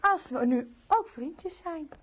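A woman puts on a small, polite boy from a children's picture book. He speaks sweetly and earnestly in a high voice that rises and falls a lot. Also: lively intonation, takes it slowly. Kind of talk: storybook voice.

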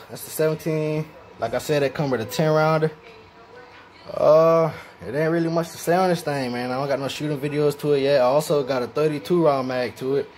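A man's voice: a little high, darkish tone. Laid-back slangy man vlogging. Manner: slangy, laid-back, addresses viewers directly. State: talking with a mouth guard in. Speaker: gun review vlogger. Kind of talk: casual gun review.

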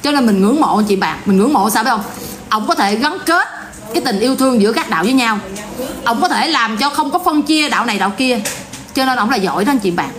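Her voice is on the high side and fast as she rants in her vlog, a woman with a Southern Vietnamese accent addressing viewers bluntly and casually. The rant is animated and repetitive.

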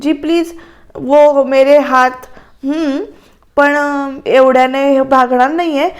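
A woman's voice: sits high, steady tone, takes it slowly, highs cut off. A woman voicing a spiteful, scheming sister-in-law who gives falsely helpful advice in a soap recap. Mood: sly.

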